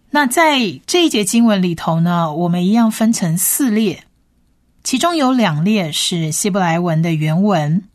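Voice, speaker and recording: Brief: female teacher, patient and methodical, drills Hebrew sounds one syllable at a time. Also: lowish voice. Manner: slow, careful syllable-by-syllable pronunciation drills. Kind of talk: radio-style language lesson.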